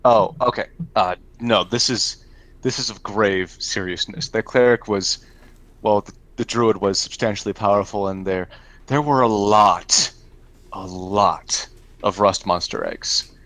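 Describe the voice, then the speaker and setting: A man's voice: lowish voice, unhurried, a bit bright, dry recording. A man speaking in character as a player in a tabletop game, earnest and repeating words as he starts.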